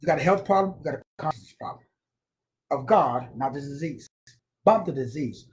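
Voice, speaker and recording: A man's voice: on the high side, animated, moderate pace, a little hiss or hum. A man giving an informal spiritual lecture, slangy and emphatic, repeating words for stress. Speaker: spiritual teacher.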